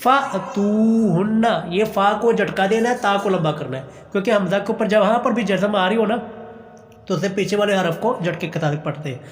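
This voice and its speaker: High-pitched male Quran tutor, patient, stretches verses then explains fast; roomy echo. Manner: slow drawn-out recitation between quick explanations; patient, repeats and urges practice. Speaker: Quran teacher. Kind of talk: Quran recitation lesson. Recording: echoey room with long reverb.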